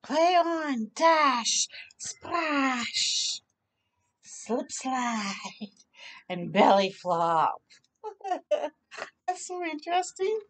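A middle-aged woman with a high voice hosts children's storytime on an outdoor balcony near a park, reading a picture book aloud at an unhurried pace. She animates it with expressive exclamations and chatty asides to her young listeners.

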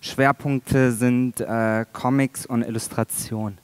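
Thirties man presenting his own work on stage, halting and dry-humored, dry close sound. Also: mid-range voice, steady tone, smooth, dry recording. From Iran. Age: 30s. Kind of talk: conference presentation. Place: large dark auditorium stage. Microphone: headset mic.

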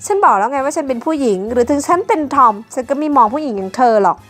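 A blunt, tomboyish young woman in an audio drama, voiced by a woman reader, who keeps standing her ground. The voice is high, with faint music behind it. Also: expressive, very fast, a bit bright. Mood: defensive. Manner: blunt and defensive.

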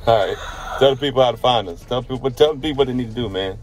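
Speaking very fast at a medium pitch, a father in his thirties narrates a laid-back road-trip vlog. He films on a phone camera at arm's length across car, hotel and outdoor scenes. He's easygoing, says the same phrases more than once, and talks with his son.

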